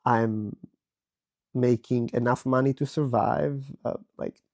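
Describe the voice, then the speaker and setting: Hoarse from a virus, an Israeli-born man in his 30s hosts his podcast from his bedroom bed with fairly even intonation and a low, warm, raspy voice. The monologue is personal and reflective, candid and unhurried, broken by frequent pauses.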